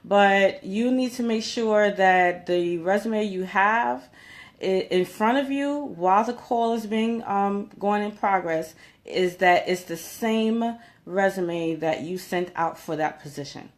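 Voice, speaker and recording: A career coach shares job interview tips in a casual advice vlog, speaking slowly in a medium-pitched voice. She is conversational and emphatic, and she keeps checking in with her listeners.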